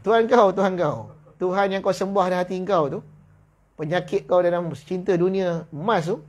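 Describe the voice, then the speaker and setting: Malaysian male religious teacher, high voice, slow kitab reading then quick casual explaining, mosque lecture. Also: a little mellow. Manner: slow deliberate reading of kitab passages, then brisk colloquial explanation with laughs; acts out voices in quoted stories. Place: mosque hall.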